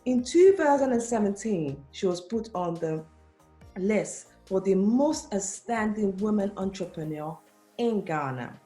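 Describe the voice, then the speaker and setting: A woman hosts a conversation show, reading scripted introductions of her guest and posing interview questions. Her mid-range voice is warm and animated, and she speaks unhurriedly. The recording is roomy and echoing, with music.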